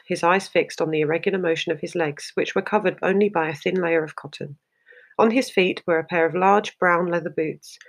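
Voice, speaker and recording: A narrator reading a short story aloud in a steady, measured way. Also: medium pitch.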